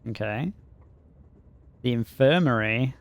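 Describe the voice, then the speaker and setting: A man's voice: mid-range voice, animated, takes it slowly, dry recording. Wry male streamer, dry close mic. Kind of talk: casual game commentary.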